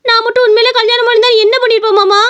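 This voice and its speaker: Cartoon: teasing young woman, very high and bright, voiced by a woman. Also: little pitch movement, very fast. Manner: teasing, sassy. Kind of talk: cartoon voice acting.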